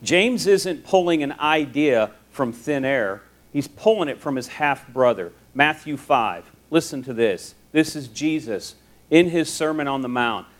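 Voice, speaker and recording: A man's voice: medium pitch, expressive, measured pace. A man giving a casual sermon to students, talking conversationally, joking and acting out the voices of people he quotes. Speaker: teacher giving a Bible talk.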